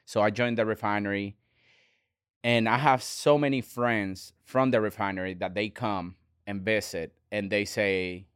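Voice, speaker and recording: A man, a restaurant owner talking as a guest in an earnest, halting way with many restarts. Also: fairly low pitch, fairly even intonation, fairly bright tone, clean tone, dry recording, clean studio sound. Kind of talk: casual interview talk.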